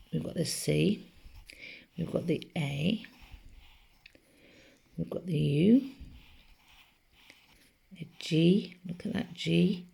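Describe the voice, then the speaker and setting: A woman's voice: low-pitched, gravelly, warm tone, breathy edge. A woman teaching a spelling lesson to children, patiently sounding out each letter. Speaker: primary school teacher.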